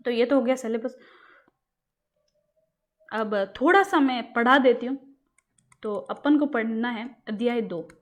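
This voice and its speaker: Higher-voiced woman teaching exam material. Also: animated, slow pace, pauses often. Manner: repeats questions to the class and answers them herself. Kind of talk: casual classroom lecture.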